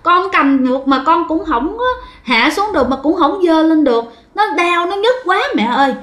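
A woman's voice: sits high, animated, a little fast, a bit bright, pitched above the performer's own voice. A woman voicing a crying little child in pain, pleading tearfully. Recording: roomy echo.

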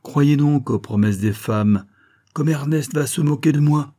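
An impatient young dandy in his twenties, jealous and pleading in an agitated rush, as a male reader puts him on. The voice sits higher than the reader's usual, warm and mellow, with a husky grain. It sounds like a storybook read aloud. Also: unhurried.

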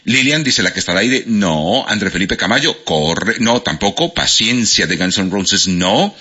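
On a lo-fi radio broadcast, a male quiz host with a Colombian Spanish accent animatedly reads out listeners' answers. His voice is fairly low and husky, and he talks a little slowly.

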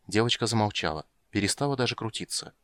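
A man reading a fantasy audiobook as narrator, calm and measured. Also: on the low side, no room sound. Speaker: audiobook reader. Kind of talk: scripted narration.

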